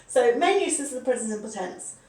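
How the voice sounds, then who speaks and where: A little high, expressive, and slightly mellow, this woman's voice moves a bit quickly as she teaches a recorded grammar lesson. She is in her forties, patient, repeats key points, and uses "okay" a lot, while the echoey room and mic distance soften the sound.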